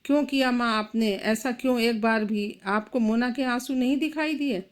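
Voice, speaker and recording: A woman voicing a furious, grieving young husband in a storybook. He shouts and makes accusations. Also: a little high, moderate pace, close to an everyday voice. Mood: angry.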